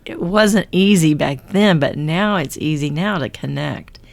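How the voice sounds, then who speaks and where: A woman's voice: deep voice, a little slow, creaky, no echo. A woman co-hosting a podcast who coaches clients, chatting casually, rambling and correcting herself with frequent laughs. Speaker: podcast co-host. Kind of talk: casual chat.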